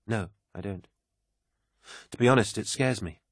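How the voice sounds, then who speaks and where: A man with a husky voice reading the part of a curious young woman chronicler, gently probing and a little hesitant. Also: fairly low pitch, a little slow, no room sound, clean studio sound. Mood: earnest.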